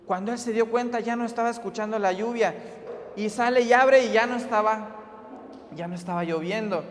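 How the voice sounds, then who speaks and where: A man's voice: high voice, brisk, slight background noise. A Mexican man preaching a sermon, telling a story and acting out the voices of the people in it. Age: adult, father of a daughter. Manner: retells a story, acting out the quoted speech. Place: church hall. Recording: reverberant church hall.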